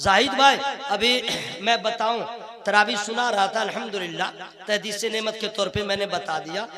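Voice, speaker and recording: Very high-voiced preacher with crowd noise. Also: male voice, steady tone, moderate pace. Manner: alternates impassioned rhythmic oratory with chatty, joking asides to the crowd. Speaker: Islamic preacher. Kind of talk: religious speech at a conference. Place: religious conference gathering. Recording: live event with audible crowd. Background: audience murmur and laughter.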